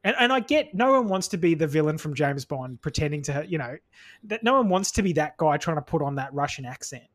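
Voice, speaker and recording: Man co-host, fairly high voice, animated and opinionated, casual review chat. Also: fairly quick. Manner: animated, opinionated, acts out quotes. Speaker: podcast co-host.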